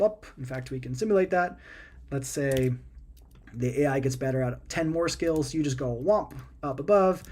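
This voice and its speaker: A man talking casually about software and AI, conversational and full of fillers, repeating words and tossing in animated asides. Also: on the high side. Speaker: product maker talking about AI and coding. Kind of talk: casual explanatory talk.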